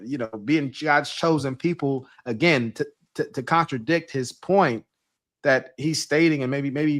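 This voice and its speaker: A man co-hosting a casual commentary panel, explaining points earnestly with halting restarts. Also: mid-range voice, a bit bright.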